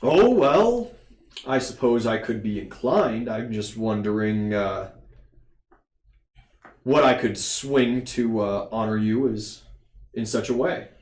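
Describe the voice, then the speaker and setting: A man playing a self-important tournament official in a tabletop game, speaking in a measured, formal, hesitant way. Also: on the low side, animated, a little mellow. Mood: hedging, obliging. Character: male tournament official, stuffy, hedging, self-important dignitary. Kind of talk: tabletop role-play. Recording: roomy echo.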